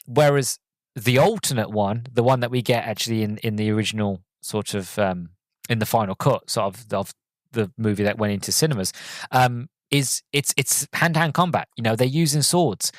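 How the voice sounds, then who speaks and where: A mid-range male voice at a moderate pace, with no room sound, carries this solo podcast film review. The host's recap wanders, stumbling through fillers and restarts before erupting into sudden excitement.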